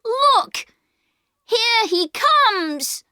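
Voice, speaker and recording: A woman voicing a brave young boy who leads his siblings, in a high excited child voice for a storybook reading. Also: takes it slowly, dry recording, studio quality, heavily acted. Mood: urgent.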